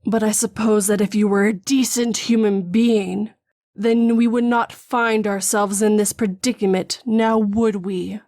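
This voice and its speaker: A woman voicing a vengeful grieving mother who speaks calmly and mockingly in a horror story. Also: medium pitch, no echo, clean studio sound, lightly acted. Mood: coldly menacing. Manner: slow, calm and mocking.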